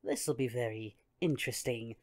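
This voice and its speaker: A woman voicing Goku, a cheerful, goofy adult male martial-arts hero, in an excitable in-character reaction commentary that shouts at the screen. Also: extremely low pitch, normal speed. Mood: upbeat. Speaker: reaction video host.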